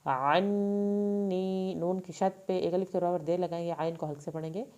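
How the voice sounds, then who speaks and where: Female recitation teacher, low and smooth, draws out each phrase, then briskly explains the rule. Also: little pitch movement, dark tone, lo-fi sound. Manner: recites slowly, then explains rules quickly. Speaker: Quran tajweed teacher. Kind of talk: tajweed recitation lesson.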